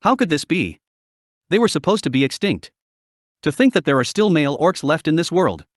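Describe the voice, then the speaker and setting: A man voicing a proud, eager young female knight in an audiobook reading, his voice turning shrill with excitement. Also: moderate pace, dry recording, clean studio sound. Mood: thrilled. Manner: excitable, rising to a shrill pitch.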